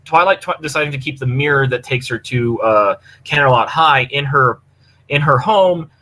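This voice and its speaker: A man with a mid-range, sharp-toned voice speaks at a moderate pace as a podcast co-host, offering a casual, eager and meandering review of stories. He's heard through a computer mic on push-to-talk online voice chat, with clear background noise.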